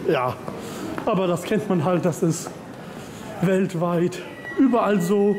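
Chatty young man vlogging in a noisy terminal. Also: high-pitched. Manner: chatty, rambling with fillers and pauses. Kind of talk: casual travel vlog chat. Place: large indoor airport terminal. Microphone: handheld camera at arm's length.

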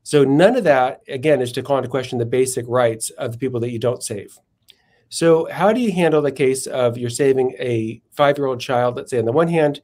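A man, a guest in a podcast interview, explaining philosophical arguments in a measured, methodical way and often correcting himself mid-phrase. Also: mid-range voice, darkish tone.

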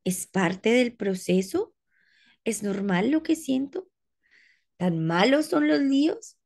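A woman's voice: on the high side, sing-song, vocal fry, a little mellow, exaggerated voice. A woman voicing a curious little girl scientist who fires off eager questions in a storybook reading. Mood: puzzled. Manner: rapid-fire eager questions.

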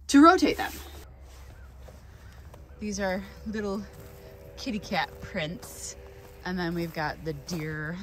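Here a flower-farming vlogger in her thirties talks loosely to her phone camera while working outdoors in cold weather, at times sitting in a car. Her voice sits on the low side with a fairly bright tone. She rambles in a chatty way, musing aloud and correcting herself as she goes.

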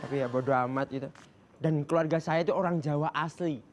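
A man from Java doing a stand-up routine on a comedy stage, acting out shouts and slow, soft talk. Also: a little high, steady tone, noisy background. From Java, Indonesia.

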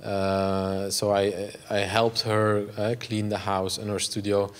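A Belgian man in his forties with a Flemish accent and Dutch as his first language, giving an artist talk in a gallery room on a lapel mic, halting with many fillers and restarts. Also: on the low side, completely flat delivery, smooth.

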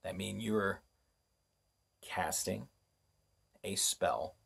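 Low husky-voiced man musing slowly. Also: a bit bright. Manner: unhurried, reflective, asks rhetorical questions. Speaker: host. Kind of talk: spoken lesson on language and spellcraft.

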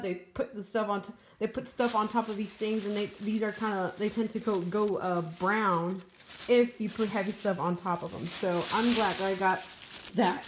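A woman in her thirties chatting casually in a home vlog, unhurried and full of fillers as she lists what she bought. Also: mid-range voice, a little hiss or hum, low-quality recording. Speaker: vlogger. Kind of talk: casual product review vlog. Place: home kitchen, indoors. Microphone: phone camera held close. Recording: rustling plastic bags behind.

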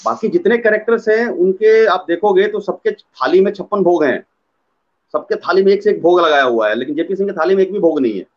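A man, an actor, telling animated stories in a casual interview and slipping into imitations of others. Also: sits high, fairly quick, dull audio. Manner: lively, slips into imitating others.

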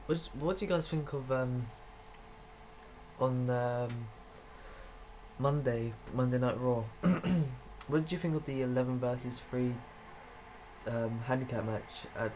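A man's voice: mid-range voice, unhurried, pauses often, a little mellow, a little hiss or hum. A young man giving rambling, casual commentary while playing a video game, swearing when things go wrong. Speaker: gaming YouTuber.

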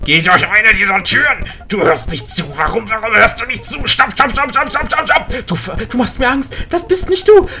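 A woman's voice: fairly high pitch, animated, moderate pace, few pauses, sharp tone, faint music behind, pitched above the performer's own voice. A woman reading out the lines of a clingy, possessive boy buddy from a game as he pleads with the player. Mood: frantic pleading. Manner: pleading, rising to frantic begging.

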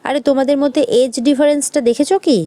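This is a proud young man, angry and accusing, read out by a woman. His lines come in a reproachful tone from a slightly high voice. The sound is close and dry, with no room around it. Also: steady tone, fast talker, dark tone, dry recording, natural voice.

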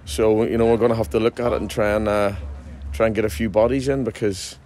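Low-voiced man, pitchside interview. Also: level tone, fast, mellow. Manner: chatty, frequent restarts and fillers. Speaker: football manager. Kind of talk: post-match interview. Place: outdoors at a football ground at night.

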